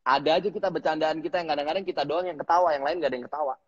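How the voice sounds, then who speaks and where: Man, joking storyteller, breathy husky tone, muffled livestream sound. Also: on the high side, very fast. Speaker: actor and guest. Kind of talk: casual live-stream chat. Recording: dull lo-fi livestream audio.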